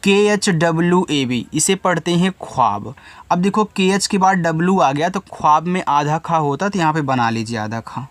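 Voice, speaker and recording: A patient male Hindi tutor spelling slowly. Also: on the high side, animated, dry recording. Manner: spells out letters slowly, then explains each sound patiently. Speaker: English reading teacher.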